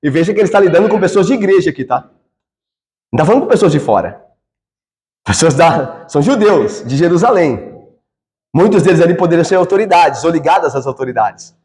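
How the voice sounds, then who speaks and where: A man with a Brazilian accent delivers an expository sermon from the pulpit. His voice sits high and swings widely in pitch. He keeps checking in with his listeners through rhetorical questions. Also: animated, fairly quick, a little mellow. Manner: frequent rhetorical questions to the congregation. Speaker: pastor. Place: church.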